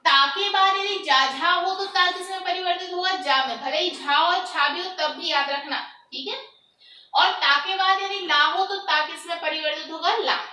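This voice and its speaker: A woman's voice: very high-pitched, moderate pace, bright, forceful tone, reverberant, distant mic, low-quality recording. A woman teacher giving a grammar lesson, asking her students questions and answering them herself. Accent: Hindi.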